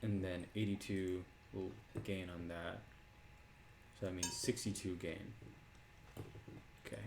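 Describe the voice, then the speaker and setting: A man in casual chat, calmly reading out trade prices and profits. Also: deep voice, takes it slowly, gravelly, noisy background. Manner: calm, reading out numbers.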